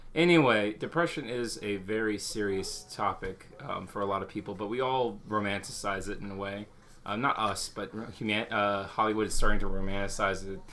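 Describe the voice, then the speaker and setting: A young man, a father, talking casually to camera at home, often rambling and restarting his sentences, and gently hushing with patient reassurances. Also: on the low side, slight background noise. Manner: rambling, self-correcting restarts. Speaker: father vlogging. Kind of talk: casual talking-head vlog. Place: at home indoors.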